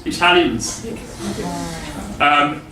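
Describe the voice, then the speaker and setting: A man teaching English grammar to a class, explaining slowly with many pauses and fillers. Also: on the high side, pushed and bright. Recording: echoey classroom from far off.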